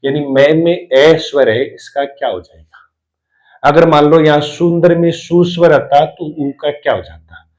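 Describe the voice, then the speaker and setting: Man, lecturer, fairly high voice, repeats rules, rhetorical questions. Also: steady tone, unhurried, darkish tone, low-quality recording. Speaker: Hindi lecturer teaching spelling rules. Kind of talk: classroom lesson explanation.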